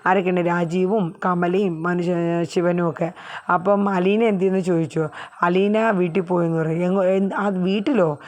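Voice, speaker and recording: A woman's voice: on the low side, fairly even intonation, normal speed, darkish tone. A woman casually retelling a TV serial episode, in a chatty way with frequent filler sounds. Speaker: TV serial reviewer.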